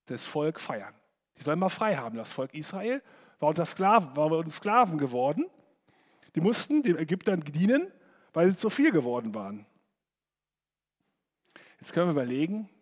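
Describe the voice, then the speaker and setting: Higher-voiced man preaching in a hall. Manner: conversational, animated, acts out imagined quotes. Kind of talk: sermon to young people.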